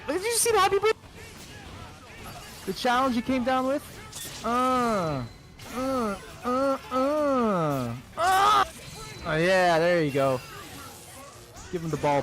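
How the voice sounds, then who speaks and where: Joking man in his thirties commentating. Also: sits high. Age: 30s. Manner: joking, crude, playful banter. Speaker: tournament commentator. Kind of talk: casual esports commentary.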